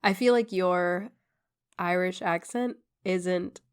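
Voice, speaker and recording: A woman's voice: lowish voice, slow, smooth. A woman co-hosting a podcast in casual chat, reacting with laughs and short joking asides. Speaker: podcast co-host.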